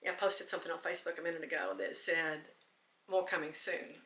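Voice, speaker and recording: A woman's voice: fairly low pitch, fairly even intonation, fairly quick, fairly bright tone, far from the mic. A woman hosting a devotional podcast, earnest and teary, repeating phrases for emphasis. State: teary, close to choking up. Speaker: podcast host. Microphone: camera recording. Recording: echoey room, voice off-mic.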